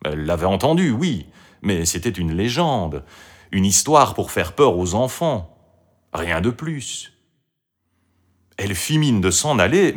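Male storyteller, lower voice, unhurried and lively in tone, reading a fairy tale. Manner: expressive, dramatic storytelling.

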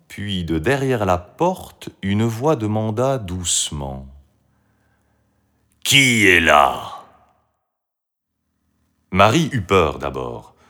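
A man reading a fairy tale aloud as a storyteller, with expressive, dramatic delivery. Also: lowish voice.

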